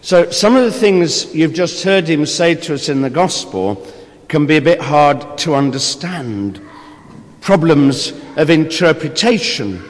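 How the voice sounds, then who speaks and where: A man preaching and reading scripture as a priest, with a measured, solemn delivery in a large echoing church. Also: on the high side. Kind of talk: Gospel reading and homily. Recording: long cathedral echo, reverberant church.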